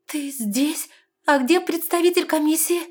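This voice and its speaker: A woman voicing a fierce, desperate young fairy woman who shouts her commands in a frantic voice. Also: sits high, unhurried, pitched above the performer's own voice. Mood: furious, desperate.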